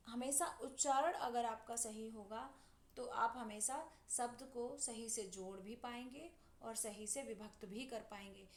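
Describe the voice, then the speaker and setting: A woman teaching a Sanskrit lesson, slowly spelling words out sound by sound in a careful classroom manner. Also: fairly high pitch. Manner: slow, deliberate syllable-by-syllable dictation. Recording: echoey room.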